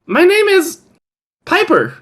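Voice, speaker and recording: A high, squeaky twelve-year-old boy bursts with excitement, his voice leaping up and down as he hurries the adventurers along in a tabletop game. He talks fast and eagerly, as if he can barely stay still. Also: heavily acted. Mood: excited. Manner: eager, breathless, quick to shout.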